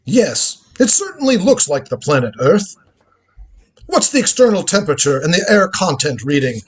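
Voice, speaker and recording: A performer reads a radio drama script as a curious elderly grandfather scientist who time-travels, musing and exclaiming theatrically in a commanding mood. The voice is medium-pitched, husky, very animated, and at normal speed.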